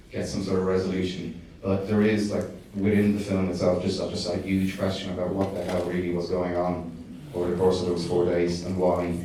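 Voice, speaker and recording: A deep, dark-toned male voice belongs to an Irish documentary director answering questions from a festival crowd. He hesitates constantly, with fillers and restarts, heard from a distance in a reverberant screening hall with faint noise.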